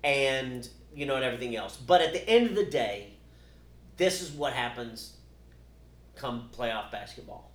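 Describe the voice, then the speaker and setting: A man co-hosting a podcast, arguing about sports in a casual, blunt and profane way that turns animated. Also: mid-range voice, measured pace. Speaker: podcast co-host. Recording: echoey room.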